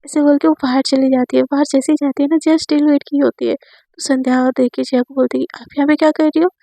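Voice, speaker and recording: A woman's voice: high voice, level tone, fairly quick, creaky, mellow, no echo. A woman retelling a romance story in a casual, chatty way, full of fillers. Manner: chatty, many fillers, voices characters' lines in her own voice.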